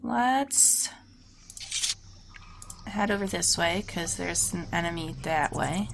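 A woman's voice: on the low side, slow pace, creaky. Scratchy-voiced woman with a sore throat, noisy recording. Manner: chatty, thinks aloud while playing. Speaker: host of a let's play series. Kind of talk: casual video game commentary.

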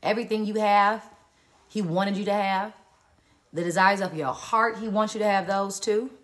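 A woman's voice: medium pitch, steady tone, normal speed, a bit bright. A woman hosting a live-stream morning encouragement, colloquial and preacherly as she greets viewers by where they are.

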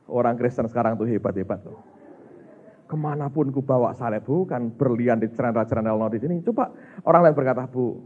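A man, a pastor, preaching a lively sermon, acting out dialogue and calling the congregation "saudara". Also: mid-range voice, a little fast, husky. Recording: muffled, slightly lo-fi sound.

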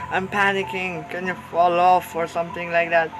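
A young man with a slightly high voice talks his way through a horror game in a jittery, panicky let's-play commentary. He keeps fretting aloud and repeating himself. Loud game music plays behind him. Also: level tone, moderate pace, low-quality recording. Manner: nervous, panicky, repeats "oh no" over and over. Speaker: gaming YouTuber.

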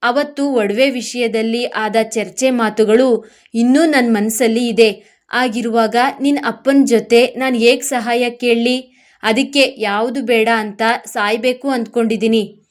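A woman voicing a despairing young mother who softly and sorrowfully pleads with her baby in a narrated story. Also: fairly high pitch, steady tone, unhurried, close to an everyday voice.

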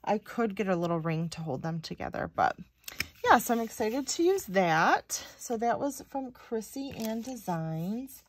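A woman's voice: mid-range voice, sing-song, measured pace, a little hiss or hum. A woman vlogger chatting casually as she unboxes planner stickers, reading each phrase aloud with many likes and ums.

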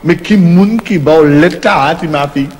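A man's voice: a little high, normal speed, a little mellow, in a large hall, slight background noise. Blustering Martinican comic man. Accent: Martinican French. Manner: blustering, rambling, mangled pompous French. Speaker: comedian playing a father. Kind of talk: comic sketch on stage.

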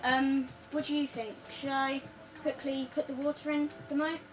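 Hurrying through a building game as co-host, a girl keeps repeating words in her slightly croaky, high-pitched voice with a level tone. The chat is casual and set in a living room facing a TV. Her audio is distant phone sound with room noise, recorded by a phone camera aimed at the TV screen.

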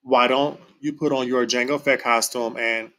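A man reading aloud and voicing a gentle teenage older sister who speaks softly and coaxingly. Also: mid-range voice, steady tone, normal speed, close to an everyday voice. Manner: soft, coaxing.

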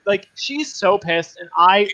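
A man's voice: sits high, expressive, slow pace, pushed and bright, no room sound, lo-fi sound. A man hosting a casual panel chat, emphatic, acting out mocking retellings. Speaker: host.

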